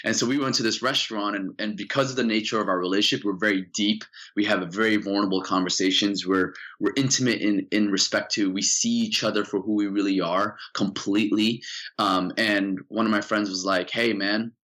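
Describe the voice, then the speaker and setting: Earnest low-voiced man with a bright tone. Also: a little fast. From Saudi Arabia. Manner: earnest, animated, many fillers. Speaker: podcast guest. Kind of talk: casual storytelling interview.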